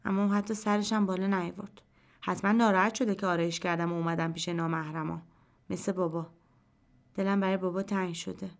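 A woman reading a short story aloud in first person, in a quiet, measured storytelling voice. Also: on the low side, fairly even intonation. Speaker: narrator. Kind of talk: scripted narration of a short story.

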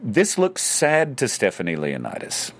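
A man's voice: lowish voice, measured pace. A man, an actor telling stories in a casual interview. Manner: animated anecdote teller. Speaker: actor guest.

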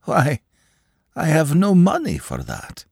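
A meek, flustered clerk, as a man puts him on, begging in halting scraps of speech. His voice climbs high and swings widely. The sound is dry and close. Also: wildly swooping pitch, gravelly, a little mellow, breathy edge, dry recording, heavily acted. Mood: pleading, flustered. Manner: halting, broken phrases. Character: timid stammering middle-aged male clerk, pleading.

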